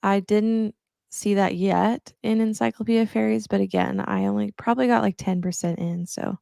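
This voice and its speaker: Relaxed woman with a dry, gravelly voice. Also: mid-range voice, moderate pace, dry recording. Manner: relaxed, conversational, many "like" fillers. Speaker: guest reader on a call. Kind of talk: casual chat.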